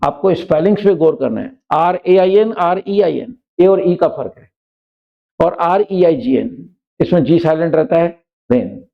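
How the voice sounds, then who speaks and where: A man teaching an English vocabulary lesson in Hindi, reading English example sentences slowly and deliberately. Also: fairly high pitch, expressive, creaky, lo-fi sound.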